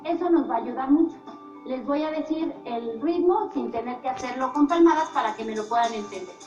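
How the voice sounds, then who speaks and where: High-voiced woman teaching rhythm, echoey. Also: a little fast, darkish tone. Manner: counts beats aloud with claps. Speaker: music teacher. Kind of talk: classroom demonstration. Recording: echoey room from a distance, dull sound, music behind.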